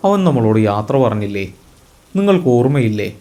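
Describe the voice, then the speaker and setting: A calm, eerie young man talks as if nothing strange has happened, with a faint mocking edge, voiced by a male storyteller. His voice is low-key and mellow, with an ordinary middle pitch. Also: brisk, soft background music, close to an everyday voice. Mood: eerily calm. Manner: calm, unbothered, quietly mocking.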